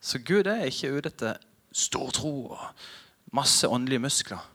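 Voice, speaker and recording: A middle-aged male pastor delivers a sermon with a bright, ringing tone. His delivery is animated, his pitch swinging widely as he moves from emphatic reading to hushed, close encouragement. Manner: lively, animated preaching, drops to soft intimate tones.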